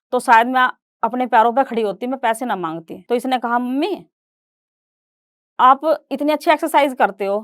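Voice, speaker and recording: A woman's voice: fairly high pitch, no room sound, studio quality. A middle-aged woman giving a stage talk, retelling her family story and voicing relatives in quoted dialogue. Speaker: guest speaker.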